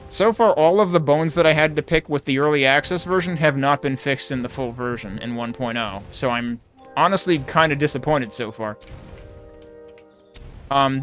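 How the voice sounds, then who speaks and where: A man's voice: fairly high pitch, normal speed, fairly bright tone. A man giving casual gameplay commentary, thinking aloud in a critical, analytical way. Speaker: video game player and commentator. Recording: game music behind the voice.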